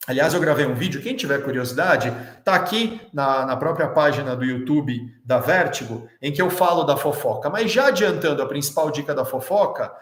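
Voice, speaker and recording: A man giving a motivational lecture to an audience, animated, with rhetorical questions and direct address. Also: fairly high pitch, echoey room.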